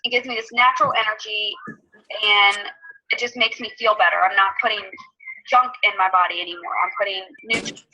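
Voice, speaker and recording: A woman's voice: mid-range voice, steady tone, brisk, sharp tone, husky. A woman in her twenties chatting eagerly about becoming a coach. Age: 20s. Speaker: student and coach. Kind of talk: testimonial. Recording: dull lo-fi recording.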